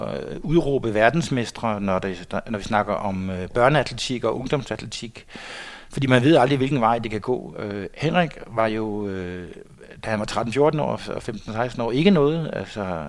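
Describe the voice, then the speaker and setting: A man in his sixties, a guest in a studio interview, looking back on the past with lots of hesitations. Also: mid-range voice. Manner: hesitant, many fillers and restarts. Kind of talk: reminiscing interview talk.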